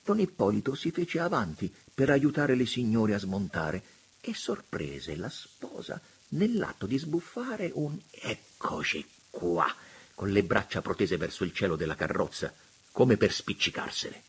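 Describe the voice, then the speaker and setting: Theatrical male audiobook reader, low and raspy, with lively melody. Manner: theatrical, expressive, measured. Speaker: narrator. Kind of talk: audiobook reading of a literary novel.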